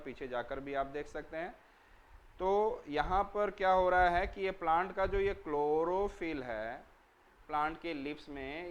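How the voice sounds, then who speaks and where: A man's voice: on the high side, poor audio. A man teaching a lesson for children, asking questions and answering them himself, repeating key words and spelling some out letter by letter.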